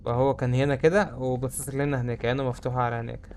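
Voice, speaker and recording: A man's voice: mid-range voice, level tone, rapid-fire, darkish tone, a little hiss or hum. A young man with an Egyptian Arabic accent, chattering through a horror game and saying he is scared. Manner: chatty, jumpy, easily spooked. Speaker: gamer. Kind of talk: let's-play commentary.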